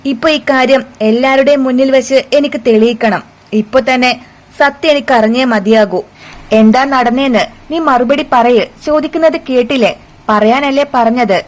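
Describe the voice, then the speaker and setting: Woman doing bossy angry mother-in-law, harsh questions, kinda high voice, storybook retelling. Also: moderate pace, close to an everyday voice. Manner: harsh, demanding, interrogating. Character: furious domineering middle-aged mother-in-law.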